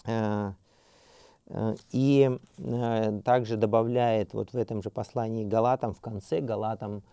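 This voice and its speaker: A middle-aged man teaches a seminary class without a script, pausing on fillers and restarting his sentences as he works through his thoughts. His voice is gravelly and dark, recorded dry with no room sound. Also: lowish voice, steady tone, dry recording. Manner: hesitant, many fillers and restarts, slows to read scripture aloud. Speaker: seminary lecturer. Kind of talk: unscripted academic lecture.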